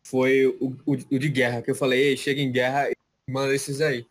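A man's voice: medium pitch, level tone, normal speed. A young man in casual chat, rambling and slangy, often stopping and restarting his sentences.

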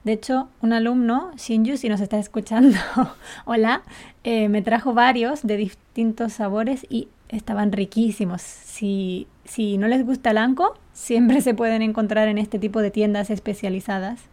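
A woman with a lilt and a fairly high voice, co-hosting a relaxed podcast. She explains things patiently and breaks into easy laughter often. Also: moderate pace. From Canary Islands. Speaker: podcast co-host and Spanish teacher. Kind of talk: casual chat.

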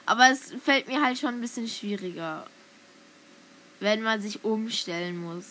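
A young woman streaming a mobile game, commenting live on the play and bursting into shouts and laughter at close moments. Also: on the high side, a little slow, a little hiss or hum. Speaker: gaming streamer. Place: home room with vacuum cleaner in background.

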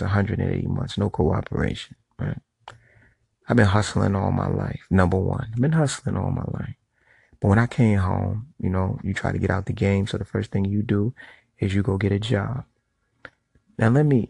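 Gravelly, low-voiced man ranting bluntly. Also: little pitch movement, fairly quick, a little mellow, dry recording. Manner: blunt, profane street talk with many "right?" tags. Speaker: vlogger. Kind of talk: casual monologue.

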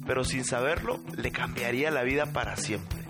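Narrator: man, mid-pitched, measured storytelling, loud guitar bed underneath. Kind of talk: scripted narration over music. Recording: loud guitar music behind the voice.

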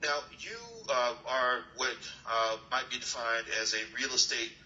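A man's voice: mid-range voice, steady tone, unhurried, pushed and bright, lo-fi sound, slight background noise. A man hosting an online class and interviewing a guest over a video call, talking earnestly with many fillers and restarts. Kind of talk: motivational talk and interview. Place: new location, dim room.

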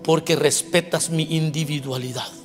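A man's voice: fairly high pitch, fairly even intonation, normal speed. Man, preacher, emphatic sermon delivery, rhetorical questions, faint music behind. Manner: emphatic, asks the congregation questions. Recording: long hall reverb with faint music.

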